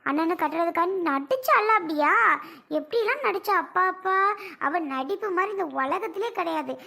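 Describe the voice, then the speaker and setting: A woman's voice: very high-pitched, lively intonation, vocal fry, bright, forceful tone, heavily acted. A woman voicing a hot-tempered young married daughter in a cartoon who speaks indignantly and defiantly. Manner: indignant, defiant, quick to anger. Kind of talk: cartoon voice acting.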